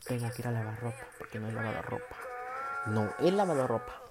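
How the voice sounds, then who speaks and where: Un hombre con acento centroamericano que habla en su podcast de forma casual, chismosa y presumida, con cambios dramáticos de tono. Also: male voice, expressive, fast talker. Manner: dramatic, gossipy and boastful, with big swings in pitch and loudness. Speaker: podcast host.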